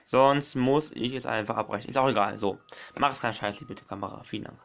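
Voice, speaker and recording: A man's voice: medium pitch, fast talker, creaky, fairly bright tone. A man commenting on a puzzle game, rambling and repeating himself, sometimes snapping at people interrupting him. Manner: rambling, repeats himself, says "meine Freunde" often. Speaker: gaming YouTuber. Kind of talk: let's play commentary.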